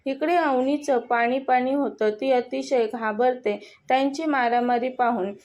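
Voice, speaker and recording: Woman narrating a story, higher voice. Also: unhurried, darkish tone, lo-fi sound. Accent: Marathi. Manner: reads all characters' lines in her own voice.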